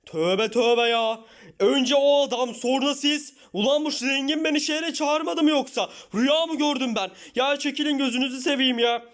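A man's voice: very high voice, moderate pace, fairly bright tone. A man voicing an exasperated, short-tempered young newcomer in a Minecraft parody, grumbling and sighing at everyone in his way. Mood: fed up. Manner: grumbling, sighs "tövbe tövbe".

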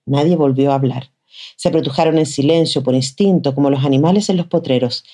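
A woman reading a literary short story aloud in a measured, expressive way. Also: rumbling low. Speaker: reader of short stories.

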